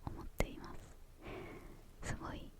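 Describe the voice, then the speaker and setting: This is ASMR-style question answering by a young woman, who whispers in a breathy, hushed way and pauses hesitantly after each short phrase.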